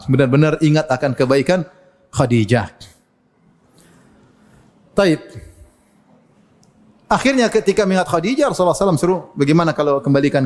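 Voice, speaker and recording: A man's voice: high-pitched, darkish tone, big-room sound. A man preaching a sermon, telling stories with humor and acting out the people he quotes. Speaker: Islamic preacher.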